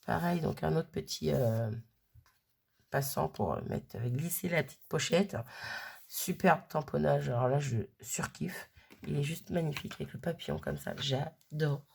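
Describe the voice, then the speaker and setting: A woman with a low, husky voice and a gravelly edge talks casually through an unboxing. She gushes over each item and keeps repeating her delight. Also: unhurried, a little mellow. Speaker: crafter unboxing a gift.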